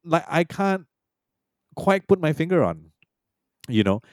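A man's voice: on the high side, big pitch swings, a little slow, no room sound, clean studio sound. A man from Malaysia and Singapore talking casually about a film, rambling with many fillers and restarts.

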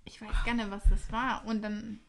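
A woman's voice: medium pitch, level tone, moderate pace, creaky, a little hiss or hum. A woman around thirty telling a story on a casual podcast, swearing casually and laughing often. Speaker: podcast co-host.

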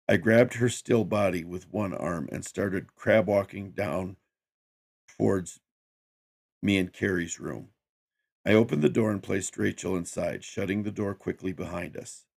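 A man narrating a horror story with a measured, grim, dramatic delivery. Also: deep voice, vocal fry, darkish tone.

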